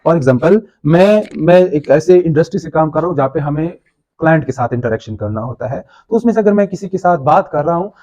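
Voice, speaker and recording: A man's voice: a little high, lively intonation, fairly quick, dark tone. A young man with a Pakistani Urdu accent giving a workshop lecture, mixing in English phrases and often checking in with his audience. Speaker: workshop trainer.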